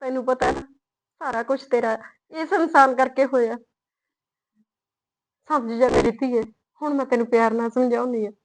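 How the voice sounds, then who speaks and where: A firm but loving rural mother, played by a woman. Her voice sits a little high and turns pleading and scolding. This is a village short-film drama. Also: fairly even intonation, normal speed, long pauses, natural voice, rough recording. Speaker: mother of the heroine.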